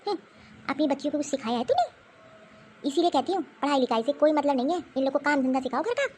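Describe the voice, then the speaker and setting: A woman voicing a sharp-tongued, scornful older grandmother in a cartoon who taunts her granddaughters. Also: high voice, animated, fast, a little hiss or hum. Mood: scolding. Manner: scolding, taunting. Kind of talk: cartoon voice acting.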